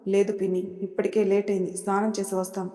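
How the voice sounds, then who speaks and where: A woman voicing a timid young wife who speaks softly and pleads. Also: medium pitch, flat delivery, fast talker, big-room sound, natural voice. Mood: pleading. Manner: soft, pleading.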